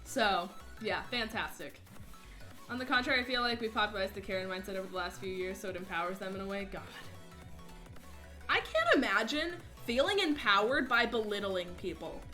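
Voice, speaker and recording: A young woman streamer chatting casually, telling a story with animated, mocking voices for the people she quotes. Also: medium pitch, a little fast, soft background music.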